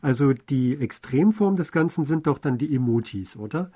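Male radio co-host, warm and dark timbre, fluent and measured delivery. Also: mid-range voice, animated, slightly rough. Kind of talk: conversational explaining.

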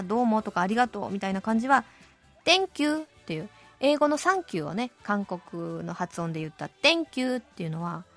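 Cheerful woman radio host in her late 30s. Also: on the high side. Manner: cheerful, animated, laughing often. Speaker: radio host reading listener letters. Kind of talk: radio letter-reading chat. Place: radio studio.

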